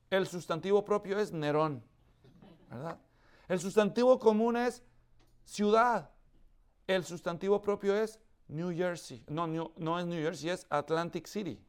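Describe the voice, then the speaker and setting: A man's voice: sits high, a little mellow, clear, resonant tone. A man preaching a sermon to a congregation, explaining with everyday examples and often asking his listeners questions. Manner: asks the audience questions often.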